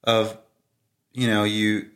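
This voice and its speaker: Slightly low-voiced man. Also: flat delivery, slow pace, a bit bright. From Brooklyn, New York. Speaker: interview guest, entrepreneur. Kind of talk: casual reflective conversation.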